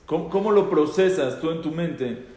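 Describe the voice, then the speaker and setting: A man, voice on the higher side, gives an informal religious class to a group. He repeats phrases for emphasis and often turns questions back to his listeners. The room is roomy, with reverb that trails long after each phrase. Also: normal speed, a little mellow. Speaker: rabbi teaching a class. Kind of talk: informal Torah talk to a group. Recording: echoey hall with long reverb.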